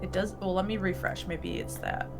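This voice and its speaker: A woman's voice: on the low side, wildly swooping pitch, moderate pace, creaky, over music. A woman talking casually and improvising as a player in a tabletop role-playing game.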